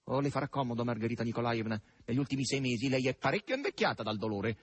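A man voicing a gruff, sardonic male demon henchman in an audiobook reading, curt, impatient and mocking. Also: mid-range voice, animated, quick pace, no room sound. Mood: commanding.

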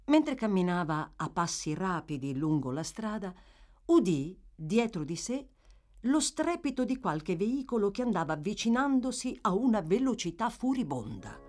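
Expressive woman reading a novel aloud. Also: medium pitch. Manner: expressive, measured storytelling. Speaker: audiobook narrator. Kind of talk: literary audiobook narration.

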